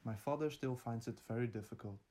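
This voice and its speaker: A man's voice: medium pitch, fast, dark tone. A nineteen-year-old man from the Netherlands, answering interview questions in plain, earnest sentences. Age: teens.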